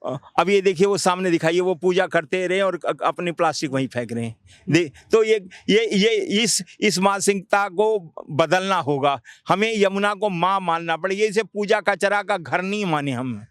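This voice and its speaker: A man's voice: high-pitched, normal speed, clear, resonant tone, no echo, studio quality. A man being interviewed outdoors by a river, speaking earnestly and pointing things out, often restarting his sentences.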